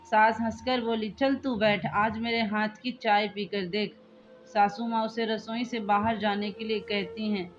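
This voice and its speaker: A woman narrating a scripted family story and reading the characters' lines in her own voice. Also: mid-range voice. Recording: dull lo-fi sound with soft background music.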